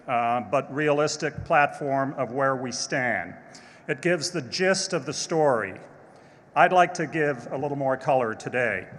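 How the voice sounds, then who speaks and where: A man's voice: a little high, fairly bright tone. Man giving a formal speech in a hall. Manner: measured, with occasional fillers. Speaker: board chair. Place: large event hall. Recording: long hall reverb, faint noise.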